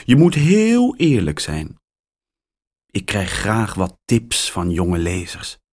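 A friendly but secretive woman author from a children's storybook, speaking in a slow, hushed way and dropping to near-whispers. Her lines rise and fall widely, as a man reading the story aloud puts her on, higher than his own voice. Every word is drawn out. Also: wildly swooping pitch, heavily acted. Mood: mysterious. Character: mysterious friendly woman horror writer.

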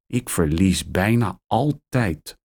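A man's voice: sits low, expressive, takes it slowly, darkish tone, husky, exaggerated voice. A man voicing a young boy in a children's story who often loses and sulks about it. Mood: glum. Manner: sulky and sighing.

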